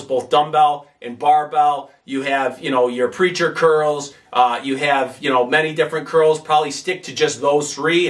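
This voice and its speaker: Man, middle-aged, slightly high voice, rambling and repetitive, lots of fillers, basement gym, distant mic. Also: fairly bright tone. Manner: rambling, repeats himself, many fillers. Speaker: bodybuilding channel host. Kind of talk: casual advice to camera.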